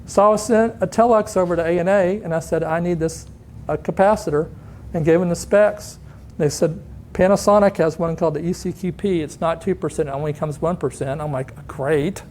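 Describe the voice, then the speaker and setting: A man in his sixties tells stories to a conference audience with a slightly high voice. He swings into animated voices for the people he quotes. Faint noise sits under the recording. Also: brisk. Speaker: conference speaker. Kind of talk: storytelling talk. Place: conference hall.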